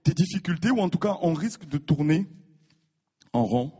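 A man preaching a sermon, animated, repeating his words and acting out the people in his stories. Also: on the high side, moderate pace, slightly rough. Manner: animated, repeats words, acts out voices of biblical figures. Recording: reverberant hall.

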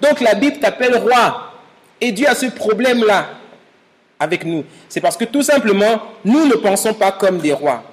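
A man's voice: high voice, sing-song, normal speed, long reverb tail. A man from Gabon preaching a sermon as pastor, speaking straight to his listeners with rising emphasis.

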